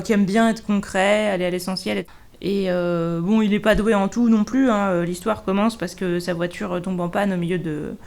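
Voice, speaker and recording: A woman talks through a book review in a casual, informal way. Her voice is mid-pitched, hoarse and gravelly. She often hesitates and thinks aloud, letting asides trail off. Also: darkish tone. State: hoarse from allergies.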